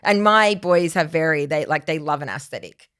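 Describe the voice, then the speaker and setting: A woman in her thirties with an Australian accent co-hosts a casual chat podcast, telling self-mocking stories in a chatty way. Her voice sits low yet is a bit bright and smooth, at a normal speed.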